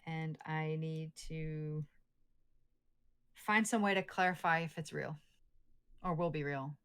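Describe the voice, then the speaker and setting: A woman's voice: deep voice, takes it slowly, fairly bright tone, clean tone. A woman playing a tabletop role-playing game, joking wryly in and out of character. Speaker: player.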